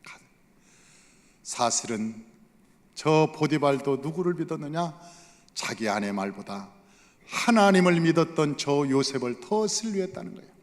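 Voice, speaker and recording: High-voiced pastor in a reverberant church. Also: male voice, a little slow, pauses often. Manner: animated storytelling with dramatic swings in loudness. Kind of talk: sermon. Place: church sanctuary. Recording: long hall reverb.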